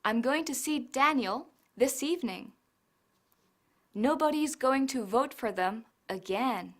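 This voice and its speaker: A woman's voice: high-pitched, lively intonation, slow pace. A woman giving scripted narration for an English lesson, explaining grammar and pronunciation in Spanish with English examples.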